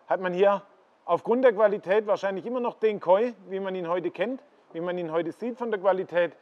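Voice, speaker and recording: On a walking tour of his farm, a middle-aged koi dealer moves through a greenhouse full of koi ponds, pointing viewers to one fish after another and explaining what makes each one good. His voice is fairly high and slightly raised. The audio is somewhat dull and lo-fi.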